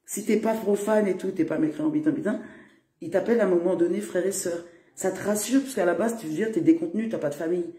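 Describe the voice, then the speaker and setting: A man's voice: sits high, quick pace, dark tone. A man chatting to viewers in a casual live-stream monologue, rambling and laughing often. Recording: roomy echo.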